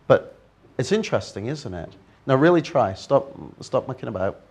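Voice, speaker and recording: In a training room with a live audience, a man demonstrates NLP techniques in a workshop, playfully coaxing a volunteer and working the group with animation. His medium-pitched voice keeps a moderate pace, and a little hiss or hum sits in the recording.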